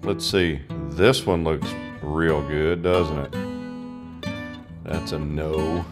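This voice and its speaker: A man's voice: very deep voice, steady tone, extremely slow, loud music behind the voice. An older man with a Southern US accent, a sawmill owner narrating his work video in a wry, grumbling, folksy way.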